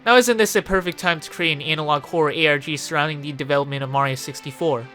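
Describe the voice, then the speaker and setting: This is informal, opinionated video essay commentary with plenty of free swearing, set against background music. The narrator talks quickly in a sharp, mid-range voice.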